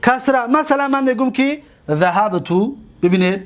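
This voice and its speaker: A man with a Tajik accent teaching grammar in a lecture, asking questions and answering them himself and drawing out his examples slowly. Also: sits high, lively intonation, a little hiss or hum. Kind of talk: classroom lecture.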